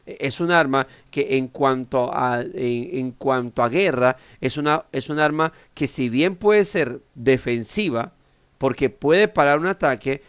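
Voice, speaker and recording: Smooth-voiced male preacher. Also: fairly bright tone, no echo. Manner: conversational, acts out quoted people with shifting pitch. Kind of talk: sermon.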